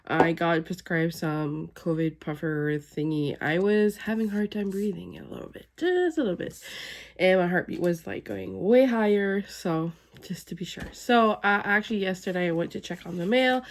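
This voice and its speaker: A woman's voice: on the low side, moderate pace. A woman chatting casually in a vlog, sounding weary, groggy and stuffed up with a cold. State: sick with a cold and stuffy nose. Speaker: book vlogger.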